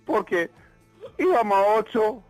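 Man, Murcian accent, cartoonish voice, animated swooping pitch, dry sound, stammering radio caller, casual storytelling. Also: no echo, faint music behind, rough recording. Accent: Murcian Spanish. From Murcia, Spain. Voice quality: odd, cartoonish voice. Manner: halting, stammering, repeats words. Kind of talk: casual comic anecdote telling.

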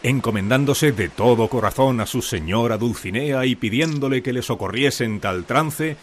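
A man narrating a radio drama in a measured storytelling way. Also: mid-range voice, slight background noise. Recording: narration over clear music.

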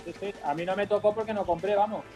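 A man's voice: high voice, fairly even intonation, fast, mellow, soft background music. A man co-hosting a casual radio chat over a phone connection, bantering and teasing. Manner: banters and teases. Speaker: radio co-host calling in from Valencia.

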